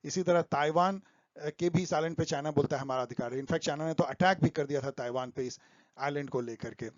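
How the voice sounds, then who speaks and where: A man's voice: a little high, steady tone, a little fast, no room sound, muffled recording. A man explaining current affairs for exam students over slides, mixing English terms into his talk. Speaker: exam tutor.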